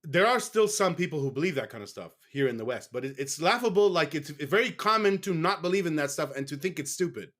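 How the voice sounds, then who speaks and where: Man, guest in a casual interview, candid, rambling, fairly high-pitched. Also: lively intonation, fast, hardly any pauses, a bit bright. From United States. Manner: candid, rambling, self-correcting.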